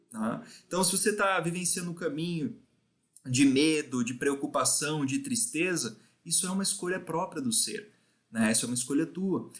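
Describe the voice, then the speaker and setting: A man's voice: fairly high pitch, fairly bright tone. A man with a Brazilian Portuguese accent, teaching a class on acupuncture philosophy in a casual way, often adding "né?" to the end of his sentences. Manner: casual, frequently tags phrases with "né?". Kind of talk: recorded lecture.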